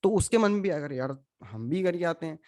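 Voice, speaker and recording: A man leads a scripture class in a steady, conversational voice. He keeps asking his listeners questions and drops English phrases into his explanations. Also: on the high side, fairly quick. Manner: questions the audience, mixes in English. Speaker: spiritual teacher. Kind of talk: Gita class lecture.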